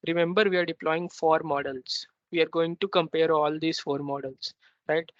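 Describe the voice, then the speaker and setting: A man leads a technical workshop over a video call, walking through each step and tagging his points with a questioning "right?". His voice sits a little high. The call audio is slightly dull and dry, with no room echo. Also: fairly even intonation, normal speed. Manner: explains step by step, often ends with a questioning "right?". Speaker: workshop instructor. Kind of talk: technical tutorial walkthrough. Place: remote meeting.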